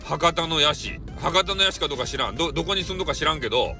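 Man, Hakata accent, casual streamer chat, very bright voice, lively swings in pitch. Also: soft background music. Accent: Hakata dialect. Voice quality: teasing, jumpy pitch, drawn-out dialect vowels. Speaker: audio streamer.

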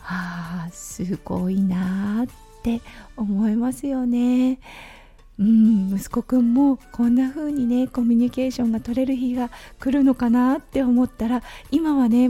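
A woman in her thirties hosts her own podcast, telling everyday stories in a gentle, chatty flow with soft fillers. Her voice sits a bit high, but it sounds very dark and husky. Faint music plays quietly behind her. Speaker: podcast host. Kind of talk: casual solo talk radio.

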